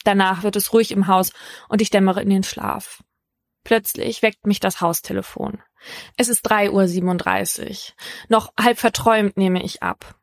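A woman speaks in a calm, matter-of-fact voice, narrating her own account as a care worker. The recording is close and dry, with no room sound around her voice. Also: mid-range voice, moderate pace, no room sound. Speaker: care worker in a youth facility. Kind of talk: first-person narrated account.

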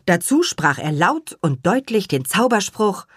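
A woman narrating a children's story with an expressive, measured reading style and a husky voice. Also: mid-range voice, dry recording, clean studio sound. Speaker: audiobook narrator.

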